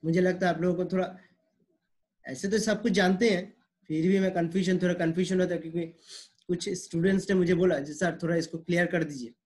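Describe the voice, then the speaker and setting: A man teaching English pronunciation, explaining slowly and repeating words, mixing with English phrases. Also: sits high, steady tone, a little mellow. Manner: slow, repetitive explaining, mixing Hindi and English.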